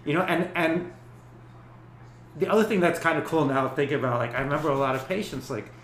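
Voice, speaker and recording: A man's voice: fairly high pitch, a little fast, fairly bright tone, a little hiss or hum. A man and clinic co-owner recalling the past in casual conversation, rambling and laughing often. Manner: rambling, many fillers and restarts, laughs often. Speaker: clinic co-owner, podcast guest. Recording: echoey room with faint ambience.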